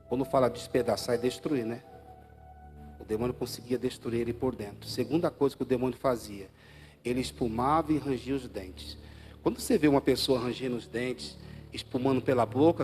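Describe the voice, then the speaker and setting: Brazilian pastor preaching, loud bursts and hushed asides. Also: male voice. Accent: Brazilian Portuguese. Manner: swings between loud emphatic bursts and low quiet asides. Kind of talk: Easter Sunday sermon. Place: church. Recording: live church audio with faint music.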